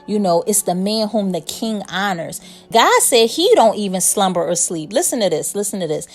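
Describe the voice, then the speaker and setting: A woman preaching informally and conversationally, retelling stories in an animated, colloquial way and speaking straight to her listeners. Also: medium pitch, normal speed, soft background music. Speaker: online preacher sharing a prophetic word. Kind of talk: informal sermon, storytelling to camera.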